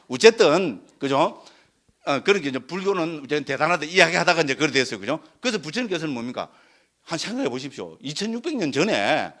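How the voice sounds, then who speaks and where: Older monk lecturer, lively up-and-down delivery, chatty, keeps seeking agreement. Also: male voice, on the high side. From Korea, Gyeongsang region. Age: 60s. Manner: conversational, keeps asking the audience for agreement. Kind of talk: Dharma lecture with personal story.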